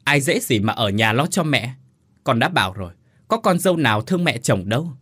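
A man's voice: mid-range voice, very animated, a little fast, fairly bright tone, slightly rough. A man voicing a mocking, scornful sister-in-law in a storybook tale. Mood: sneering. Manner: sneering, sarcastic.

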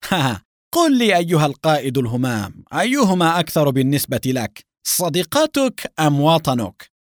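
A man's voice: fairly low pitch, brisk, breathy edge, dry recording, clean studio sound. A man voicing a gloating, treacherous male enemy agent who laughs devilishly and taunts with sarcasm. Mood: mocking.

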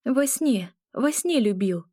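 Anxious young woman put on by a female narrator, breathless, pleading, higher voice, dry close sound. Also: normal speed, a little mellow, dry recording, natural voice. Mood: trembling. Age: young adult. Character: frightened young woman, nightmare-plagued granddaughter.

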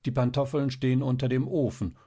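A man voicing a genial, knowing middle-aged official and father in a read-aloud story, measured and wry. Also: mid-range voice, level tone, dark tone, breathy edge, pitched above the performer's own voice, natural voice.

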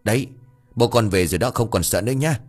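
A man's voice: lowish voice, quick pace, slightly rough, soft background music, voice pushed up. A man voicing a frightened middle-aged village mother who stammers and pleads in panic. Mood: soothing.

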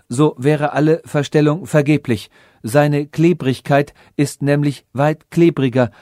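An old, wise robot advisor from a storybook presses his warning with urgency, voiced by a male reader. His voice sits higher and louder than the narration, recorded dry. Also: no echo, lightly acted.

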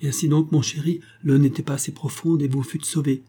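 A man's voice: on the high side, flat delivery, fairly quick, mellow, slightly rough, voice pushed up. A man voicing a wheedling spiteful old crone. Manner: wheedling, calls everyone dear.

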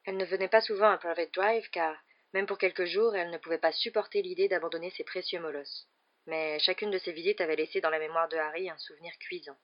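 Audiobook reader telling the story steady and even, dull muffled audio. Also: mid-range voice, fast. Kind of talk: scripted narration. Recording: dull lo-fi recording.

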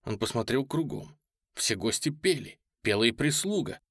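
A man reading a novel aloud as narrator, with an expressive, varied delivery. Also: medium pitch, normal speed, no echo, clean studio sound.

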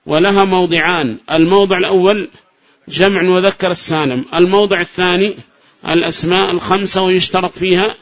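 A grammar teacher from Yemen gives a classroom lecture in a fairly high voice. He keeps checking his listeners with short rhetorical questions and repeats examples slowly. The recording sounds dull and lo-fi. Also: fairly even intonation, a bit bright.

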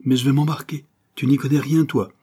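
A man's voice: medium pitch, fairly even intonation, fairly quick, darkish tone, husky, voice pushed up, close to an everyday voice. A man voicing an earnest, decisive young sailor, speaking firmly and with emphasis. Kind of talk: audiobook character voice.

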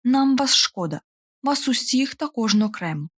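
A woman voicing a battered captive witch woman who speaks in a mocking, unbroken, calmly accusing way. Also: on the high side, moderate pace, breathy edge. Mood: solemn.

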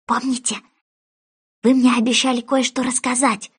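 A woman's voice: fairly high pitch, level tone, moderate pace, breathy edge, pitched above the performer's own voice. Woman reading as a polite little storybook girl. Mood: earnest. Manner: polite, earnest.

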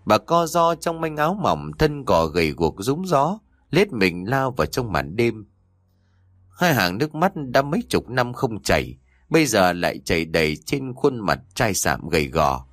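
Give me a man telling a scary folk story with lively, swooping delivery and a dry sound. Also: lowish voice, moderate pace, no room sound. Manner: expressive, dramatic storytelling. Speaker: audiobook narrator. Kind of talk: scripted folk-horror story narration.

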